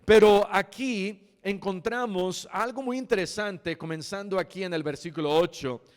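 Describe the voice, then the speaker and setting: A man's voice: sits high, normal speed, big-room sound. A male pastor preaching a sermon to his congregation, reading scripture aloud and then explaining it with jokes. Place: church sanctuary.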